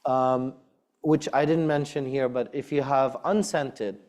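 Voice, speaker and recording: Mellow-voiced imam giving practical advice. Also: male voice, medium pitch, steady tone, a little slow. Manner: direct, conversational, repeats words for emphasis. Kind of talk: practical advice talk to a congregation.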